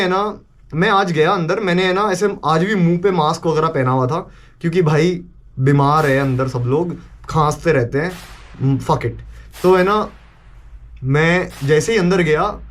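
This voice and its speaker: Speaking at a moderate pace in a voice that sits high, a young man tells a story in a casual vlog, lively and peppered with English phrases and swearing.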